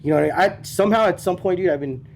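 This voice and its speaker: A man, a podcast guest telling his franchise story in a casual, profane, animated way and acting out the people he quotes. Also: high voice, racing, creaky, a little hiss or hum.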